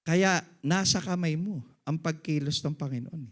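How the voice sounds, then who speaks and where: A middle-aged man preaching as a pastor, mixing English phrases into his sermon and calling for "Amen" from the congregation. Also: normal speed. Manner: swings between quiet, low asides and loud, high-pitched emphasis. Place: church service.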